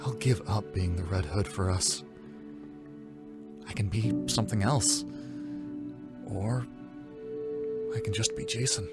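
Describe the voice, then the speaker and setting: A man playing a lovelorn, remorseful young antihero in a comic dub, reading a letter in an earnest, measured, pleading voice. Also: fairly low pitch, over loud music. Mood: tender, pleading. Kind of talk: motion comic voice acting, letter voice-over.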